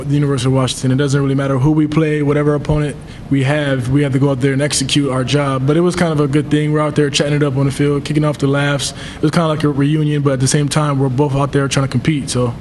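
A young man, a college football player, answering questions at a post-game press conference in a brisk, relaxed way. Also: on the high side, slight background noise. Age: young adult. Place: press room at a table before a sponsor backdrop. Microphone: table mic on a stand.

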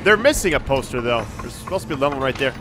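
A man giving casual live gameplay commentary, easygoing and slangy, thinking out loud as he plays. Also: mid-range voice, lively intonation, rapid-fire. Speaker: gaming streamer. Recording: game music behind the voice. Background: game music and city sounds.

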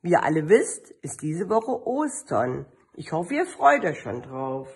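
Lively, slow-reading kindergarten teacher woman. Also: low-pitched. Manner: slow, lively storytelling with sing-song refrains. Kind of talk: reading a picture book aloud to children.

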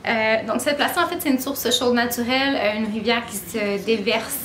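A woman's voice: fairly high pitch, moderate pace, a bit bright, a little hiss or hum. A woman in her twenties with a Québécois French accent, talking casually to camera about her travels, with lots of filler sounds. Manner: chatty, many filler "euh"s, laughs at herself. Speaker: travel vlogger. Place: small room indoors with string lights and bookshelf. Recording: roomy echo, music behind.

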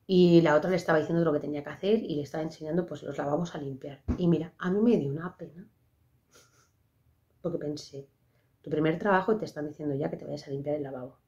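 A woman in her thirties with an accent from Spain talks through a casual podcast monologue, expressive and full of fillers. Her voice sits a little low. The recording is dull and lo-fi, with the top end rolled off. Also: fast talker. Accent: Spain Spanish. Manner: chatty, expressive, lots of fillers. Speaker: podcast host.

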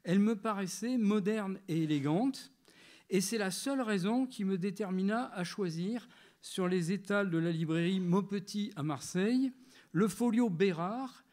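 A man in his sixties from France, reading a prepared lecture at a literary gathering in a measured, literary way, with occasional hesitations. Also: high voice, a little mellow.

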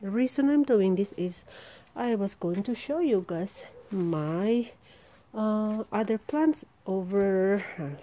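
A woman giving a casual, halting, rambling vlog narration outdoors in a backyard, filming with a handheld camera. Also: mid-range voice, warm tone. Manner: informal, halting, rambling delivery. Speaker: vlogger showing their plants. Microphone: handheld camera, behind the lens. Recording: outdoor background noise.

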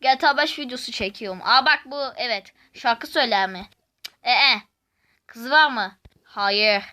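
A woman gives casual gaming commentary as a host, reading questions aloud and reacting in an expressive, exclamatory way. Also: on the high side, unhurried.

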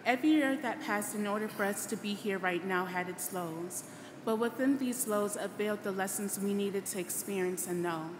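A medium-pitched, earnest voice belongs to a Ghanaian teenager in her late teens, the student chosen to speak at graduation. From a podium on a large auditorium stage, she reads her scripted speech in measured, formal oratory into a boom-mounted podium microphone. Echo from the hall PA and loud background noise are audible.

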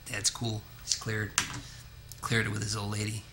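With a lowish voice and a completely flat delivery at moderate pace, this man narrates his road trip to the camera casually, tossing in jokes. The background is noisy, and he films on the road and in a parking lot.

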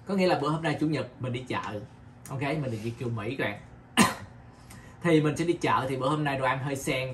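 A man's voice: a little high, a bit bright, slight background noise. A man with a Southern Vietnamese accent talks casually in a home kitchen vlog. He repeats himself and keeps asking the viewers "right?". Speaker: vlogger.

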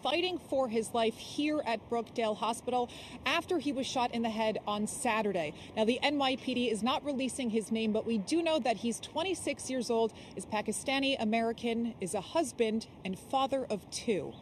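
A young woman reporting the news on a city street, speaking into a handheld mic with a crisp newsreader delivery. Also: a little high, moderate pace, a little hiss or hum. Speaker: field reporter.

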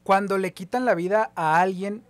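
A woman's voice: mid-range voice, moderate pace, no room sound. A woman, interviewing a guest with brief questions and short affirmations.

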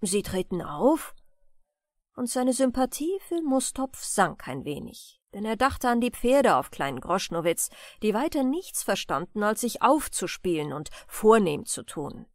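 A woman reads a bedtime storybook aloud, gentle and unhurried. Her melody rises and falls expressively, and the sound is close and dry. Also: a little high, sing-song, no room sound. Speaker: audiobook reader.

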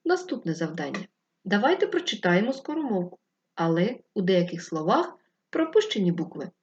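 Woman teacher with a lively, sing-song voice. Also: mid-range voice, lo-fi sound. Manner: slow, clearly dictated teacher instructions. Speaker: primary school teacher. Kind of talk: distance-learning lesson for first graders.

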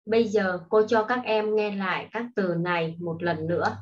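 A woman teaching a primary school English lesson online, explaining patiently and slowly to children. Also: medium pitch, steady tone. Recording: dull lo-fi recording.

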